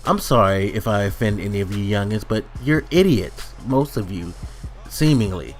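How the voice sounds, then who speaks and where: A man's voice: lowish voice, moderate pace. A middle-aged man giving a casual, slangy back-in-my-day old-man rant to his online viewers, grumbling and exasperated. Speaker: online video ranter. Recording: music playing under the voice. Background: background music.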